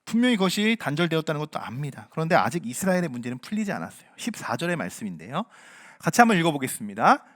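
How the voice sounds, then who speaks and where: A man preaching a sermon as pastor, a parent himself, acting out quoted voices and swinging from loud to hushed. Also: on the high side, very animated, rapid-fire, no room sound, clean studio sound.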